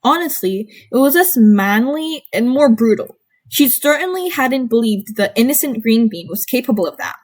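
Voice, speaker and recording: A woman with a bubbly, informal manner reads fan fiction aloud as an amateur podfic narrator and channel host, chatting casually to her listeners in between. Her voice is a little high and darkish in tone, very animated, at a moderate pace.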